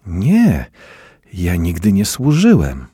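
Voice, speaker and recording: A man's voice: deep voice, huge pitch swings, slow pace, mellow, slightly rough, no echo, studio quality, exaggerated voice. A man voicing a poor, timid teenage orphan boy who answers in short, shy words in a read-aloud story.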